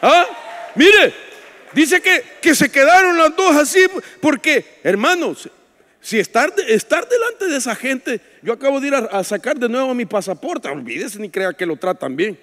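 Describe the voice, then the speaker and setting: Man, pastor, very high voice, storytelling sermon, loud bursts and quiet asides, joking with the congregation, long hall reverb. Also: very animated, moderate pace. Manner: storytelling preacher, swings from shouts to hushed asides; jokes with the congregation. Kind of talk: sermon at a women's retreat. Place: church hall. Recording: long echo of a large hall.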